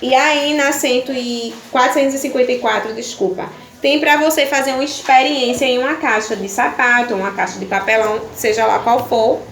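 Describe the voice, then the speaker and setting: A Brazilian woman teacher with a high, slightly bright voice patiently walks through primary-school workbook pages in a video lesson, checking with her pupils after each point. She speaks fairly quickly with fairly even intonation, in an echoey room with faint background noise.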